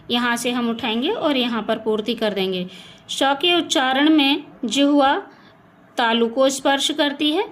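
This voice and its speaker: A woman's voice: high voice, a bit bright. A woman teaching Hindi grammar for exam prep, going through answers patiently and spelling words out sound by sound. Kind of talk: exam-prep lesson, checking answers aloud. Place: home beside a railway track. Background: faint household ambience, occasional train noise.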